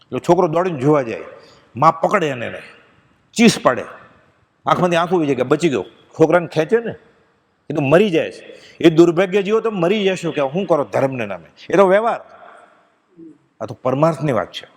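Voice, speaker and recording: A man giving a devotional discourse to a gathering, telling stories with feeling and reciting verses slowly. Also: on the high side, very animated, slightly rough. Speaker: spiritual discourse speaker. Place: pilgrimage satsang gathering. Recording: long hall reverb.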